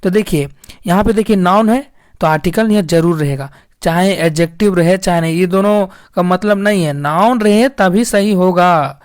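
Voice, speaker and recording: A woman's voice: on the low side, moderate pace, a little mellow, dry recording. Woman English teacher, patient and repetitive, dry close recording. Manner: repetitive, addresses viewers as friends. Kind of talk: explaining grammar lesson.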